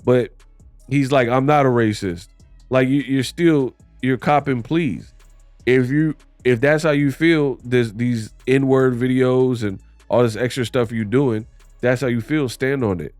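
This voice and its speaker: A man's voice: mid-range voice, unhurried, darkish tone, dry recording, faint music behind. A man giving blunt, critical opinion commentary on boxing in a conversational way.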